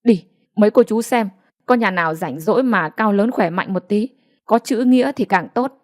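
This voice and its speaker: A woman's voice: mid-range voice, moderate pace, close to an everyday voice. A woman voicing a hot-tempered middle-aged village man who rallies others in anger. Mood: furious. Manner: angry and rallying.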